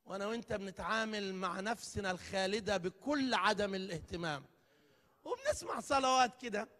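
A man's voice: high voice, lively intonation, a little fast. A man preaching a live church sermon, emphatic and full of rhetorical questions. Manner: emphatic, rhetorical questions, dramatic swings in loudness. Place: church hall. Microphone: live broadcast microphone. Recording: long church hall reverb.

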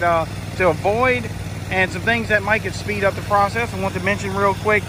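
A man giving a folksy, instructional talk outdoors in a parking lot, full of fillers, while a pressure washer runs. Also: high voice. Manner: casual, folksy, with frequent fillers. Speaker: pressure washing business owner and trainer. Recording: outdoor clip with loud pressure-washer noise.

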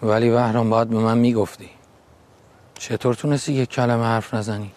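An actor playing a bitter grown son who speaks in a sarcastic, accusing way. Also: male voice, medium pitch, level tone, a little mellow, natural voice.

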